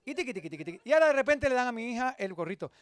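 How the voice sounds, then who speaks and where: A middle-aged man preaching a sermon as a pastor, telling a story with lively acted-out quotes. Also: extremely high pitch, rapid-fire, no room sound. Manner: animated, acts out quoted voices. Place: church meeting hall.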